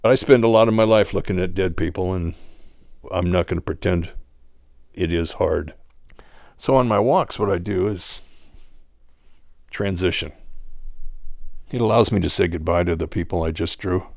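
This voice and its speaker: An older man, a portrait artist, speaking slowly and quietly with heartfelt reflection in an interview. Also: sits low, vocal fry, dry recording, clean studio sound.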